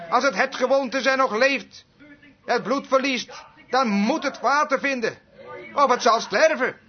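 A man preaching a sermon, fervent and emphatic, stretching some phrases out slowly, on a dull lo-fi recording. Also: extremely high pitch.

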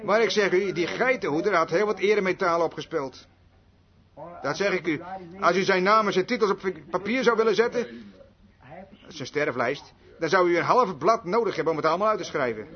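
High-voiced preacher on dull tape. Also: male voice, expressive, fairly quick. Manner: storytelling, voices dialogue, rises to exclamations. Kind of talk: sermon.

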